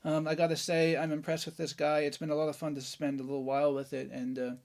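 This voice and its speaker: With acoustic guitar in the background, a Canadian guitarist reviews gear in casual, enthusiastic chatter full of fillers and exclamations. His fairly high voice moves little in pitch, comes out quickly, and has a darkish tone.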